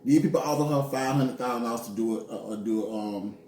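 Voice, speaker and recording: A man's voice: mid-range voice, fast, darkish tone. Joking man, echoey room. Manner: loose, joking, rambling with restarts. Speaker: co-host. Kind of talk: casual chat. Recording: echoey room, mic at a distance, faint noise.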